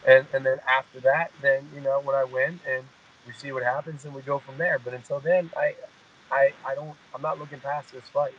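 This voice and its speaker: A man's voice: medium pitch, little pitch movement, a little fast, lo-fi sound, a little hiss or hum. A man in his mid-thirties, a fighter, talking in a casual interview, rambling and repeating "you know what I mean". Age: 30s. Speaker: guest fighter.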